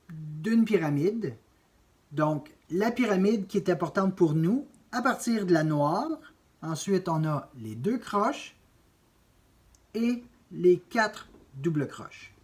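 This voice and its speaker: A man's voice: sits high, expressive, slow, long pauses. A man teaching a drum lesson, explaining note values step by step and counting beats aloud. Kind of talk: music lesson.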